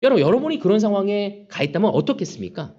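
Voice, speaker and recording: Male pastor, high voice, dramatic sermon style, lo-fi church recording. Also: sing-song, fast, mellow. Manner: preaching with acted-out prayers and quoted taunts. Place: church sanctuary.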